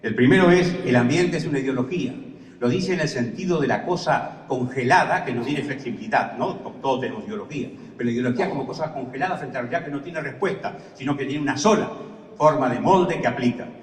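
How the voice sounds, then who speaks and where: A man's voice: medium pitch, fast talker. An older man with an Argentine accent giving a lecture as a professor, telling classroom stories with dry humor. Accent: Argentine Spanish. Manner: storytelling, varied emphasis, dry humor. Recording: echoey hall, distant mic.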